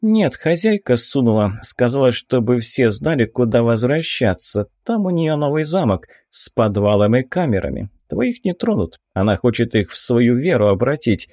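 A man's voice: medium pitch, sing-song, normal speed, hardly any pauses, a little mellow, no room sound, clean studio sound. A man voicing a sly, snarling five-hundred-year-old demon woman in an audiobook, with a mocking, defiant delivery. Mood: bitter. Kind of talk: audiobook character voice.

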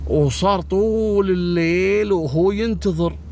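A man telling a crime story in a casual, animated, dramatic way and speaking directly to the listener. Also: sits high, a little slow, gravelly, slight background noise.

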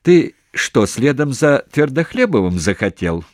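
A man doing a furious shouting army major. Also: deep voice, lively intonation, unhurried, no room sound, clean studio sound, heavily acted. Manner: shouting, sharp and menacing. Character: hot-tempered male army major, threatening.

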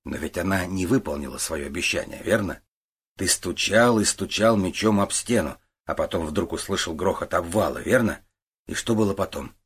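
A man voicing a calm, methodical middle-aged detective who questions patiently in an audiobook. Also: low voice, normal speed, breathy edge, exaggerated voice. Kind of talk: audiobook character voice.

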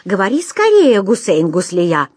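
A woman's voice: medium pitch, lively intonation, normal speed, dry recording, clean studio sound, natural voice. Woman playing an imperious ruler. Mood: impatient. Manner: commanding, pompous. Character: imperious pompous male ruler.

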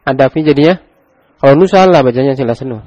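A man's voice: mid-range voice, fast, darkish tone, muffled recording. A man with an Indonesian Javanese accent teaching an Arabic grammar class, quizzing his students and prompting them to read aloud. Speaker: Islamic teacher.

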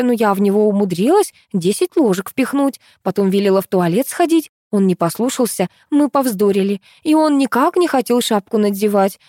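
A woman's voice: a little high, a little mellow, dry recording, pitched above the performer's own voice, close to an everyday voice. A fussy doting mother frets and laments without stopping, in a raised voice, as a woman reader puts her on. The reading sounds dry and close. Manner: fretful, lamenting, nonstop. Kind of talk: audiobook reading.

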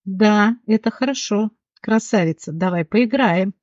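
A crazed young farmhand, as a narrator puts him on, drawing out his words with slow, mocking menace, as if toying with his prey. The sound is close, dry and slightly dull. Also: medium pitch, darkish tone, no echo, close to an everyday voice. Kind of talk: audiobook character voice.

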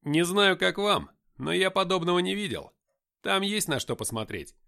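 A man voicing an excitable male soldier who talks high and loud. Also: normal speed, gravelly, exaggerated voice. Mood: excited.

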